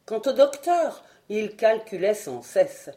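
Lively French woman reading a novel. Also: medium pitch, slow. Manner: expressive first-person narration. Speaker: audiobook reader.

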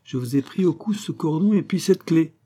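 A man's voice: fairly high pitch, expressive, moderate pace, warm tone, breathy edge, voice pushed up. A man voicing a mock-polite menacing villain.

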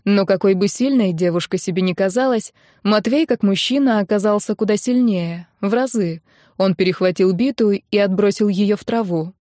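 A woman narrating a novel as an audiobook in an even, measured way. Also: mid-range voice, dry recording, clean studio sound. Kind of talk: scripted narration.

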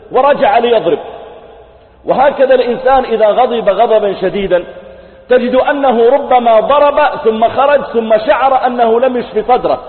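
A man preaching a sermon, retelling a story vividly and acting out its dialogue. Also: extremely high pitch. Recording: tinny phone-like sound in an echoey hall.

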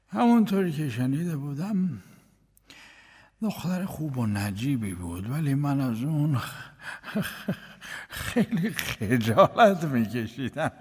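An actor playing a male court minister in a radio drama, confessing his past in a soft, halting voice. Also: fairly high pitch, slightly rough. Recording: long hall reverb.

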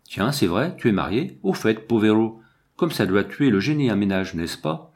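A man's voice: on the low side, big pitch swings, normal speed, a little mellow. A man reading the part of a haughty, mocking Italian countess in an audiobook, with a theatrical, declaiming manner.

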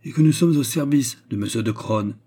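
A man's voice: medium pitch, fairly quick, mellow, slightly rough. A man voicing a brash, boastful police agent in a storybook reading. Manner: bold, boastful.

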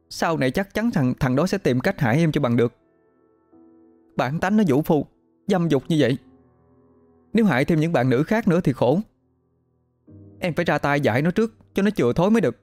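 A shaken young woman, her voice lifted and soft, choked with tears yet firm, as a male storyteller plays her. Faint music hums behind her. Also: fairly high pitch, animated, fairly quick, long pauses, voice pushed up, lightly acted. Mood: resolute. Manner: choked, tearful but resolute. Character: shaken but determined young female student.

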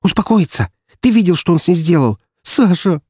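A man's voice: medium pitch, lively intonation, fast, dark tone, dry recording, clean studio sound, pitched above the performer's own voice, natural voice. A man voicing an emotional young woman lawyer in an audiobook, speaking in a raised, agitated voice. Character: sharp young female defense lawyer, emotional.

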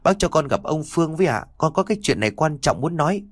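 A man's voice: a little high, very animated, fast talker, no room sound, studio quality, pitched above the performer's own voice. A man doing a trembling poor young man. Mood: pleading. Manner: trembling, pleading.

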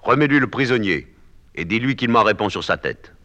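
A man voicing an imperious, mercurial emperor who gives sharp orders and breaks into loud outbursts, read from a stage play. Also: fairly low pitch, expressive, fairly quick, highs cut off, voice pushed up. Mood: commanding. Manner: commanding, with sudden loud outbursts. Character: imperious, mercurial male emperor, middle-aged.

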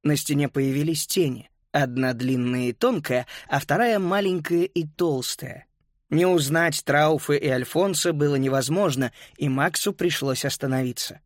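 A man narrating a children's audiobook in a lively, expressive storytelling manner. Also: on the high side, normal speed, dry recording, studio quality.

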